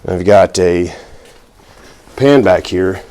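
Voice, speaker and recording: A man's voice: sits low, drawn-out words, dark tone. A middle-aged man hosting a casual cooking vlog, talking while he works, nervous and self-deprecating, rambling with fillers and a little out of breath. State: out of breath at times. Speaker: cooking video host.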